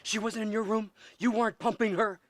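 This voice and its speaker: An actor playing a volatile film director who stammers and bursts into shouting. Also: male voice, mid-range voice, expressive, unhurried, breathy edge, dry recording, exaggerated voice. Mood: furious.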